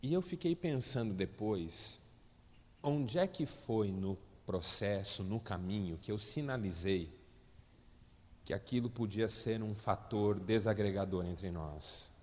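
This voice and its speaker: A man's voice: fairly low pitch, takes it slowly. Brazilian man telling stories in a hall. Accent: Brazilian Portuguese. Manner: lively storyteller with joking asides. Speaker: motivational speaker. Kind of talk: storytelling talk to an audience.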